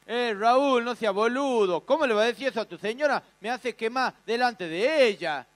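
A man's voice: normal speed, a bit bright. A man voicing a hungry middle-aged man, whose damaged voice cracks in and out. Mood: embarrassed. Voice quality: voice cracking in and out, strained and high.

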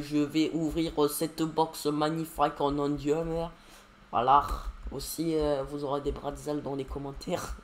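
A man's voice: medium pitch, slight background noise. A man giving casual, rambling gameplay commentary at his computer, hesitating often with fillers. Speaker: YouTuber.

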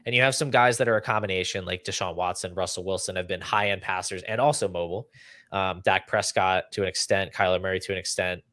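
With a low voice, fairly even intonation and a sharp tone, a young man speaks at a quick pace on his fantasy football podcast. He's conversational but analytical, explaining figures and running through lists. There's no echo, even though he's using a video call setup in a small room at home.

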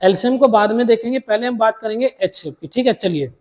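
Male maths teacher, patient and repetitive, slows down to spell out each step for the class. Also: high-pitched, a little mellow. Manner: repeats each step slowly, addresses students as dear children. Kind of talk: blackboard maths lesson.

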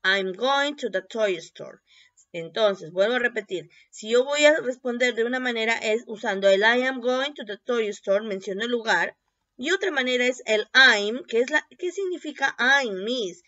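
A woman teaching a bilingual English lesson, repeating each word slowly and often checking with a quick "ok?". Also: a little high, animated, bright, forceful tone. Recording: dull lo-fi recording.

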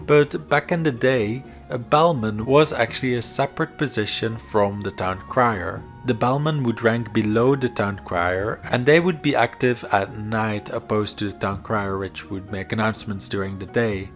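A man giving a scripted educational history narration in a measured, explanatory manner. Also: on the low side. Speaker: video narrator. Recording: background music under voice. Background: instrumental music.

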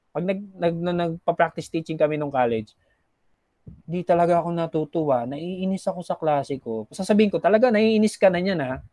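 A teacher with a slightly high, darkish voice delivers a recorded classroom lecture, explaining patiently and lightly mimicking how people talk in different regions. The sound is close and dry, with no room ambience at all.

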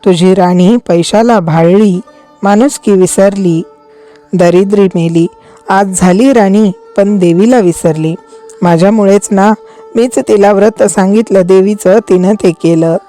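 A poor old woman's voice, slow and scolding, mellow and low in tone, as a woman storyteller reads her. Soft background music plays faintly under the reading. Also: lightly acted. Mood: bitter.

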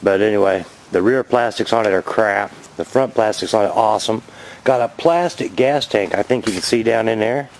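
A man in his fifties giving a rambling, chatty show-and-tell vlog outdoors by his garage, filming on a handheld camera and getting excited over his finds. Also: lowish voice, normal speed, slight background noise, low-quality recording. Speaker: vlogger.

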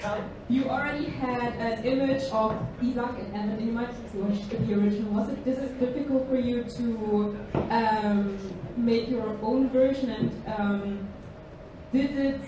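Audience woman, earnest and careful, higher voice, distant noisy hall. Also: steady tone, muffled recording. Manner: careful, earnest, slightly halting. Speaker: fan asking a question. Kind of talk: audience question. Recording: echoey hall from far off, clear noise.

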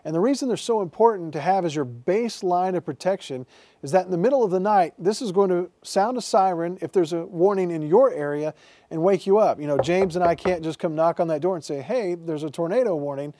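This man speaks briskly in a high, warm voice, recorded with no room sound. He's a TV meteorologist in a weather studio, handling a radio while he guides viewers through its setup in a friendly, step-by-step broadcast demo.

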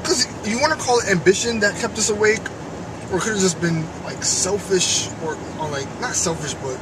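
Weary male vlogger, twenties, higher-pitched voice, rambling, recorded off-mic inside a car. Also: normal speed. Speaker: video creator, vlogger. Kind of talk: casual vlog chat. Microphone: camera in the car, off from the mouth. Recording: noisy car interior, distant mic.

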